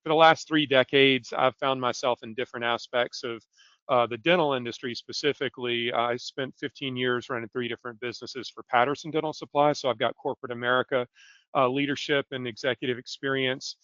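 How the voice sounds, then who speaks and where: A man in his fifties from South Carolina, a guest executive coach introducing himself in a brisk, easygoing, self-deprecating way. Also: medium pitch, steady tone, a bit bright, clear, resonant tone, dry recording. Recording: dry, dull lo-fi call audio.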